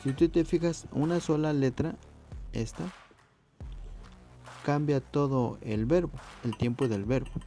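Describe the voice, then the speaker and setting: A man teaching a casual video language lesson, patient and repetitive, calling his viewers friends and slowing down to model pronunciation. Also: mid-range voice, creaky, dark tone, faint music behind. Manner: patient, repeats words slowly to model pronunciation; addresses viewers often as friends.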